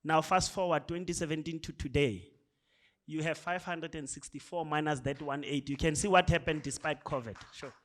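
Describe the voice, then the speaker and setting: A South African man speaks to a room at a launch event. His voice sits a little high and his delivery is loose and conversational. He keeps nudging the audience along with a quick "right?". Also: fairly bright tone. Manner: conversational, often tags lines with "right?". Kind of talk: speech at a programme launch.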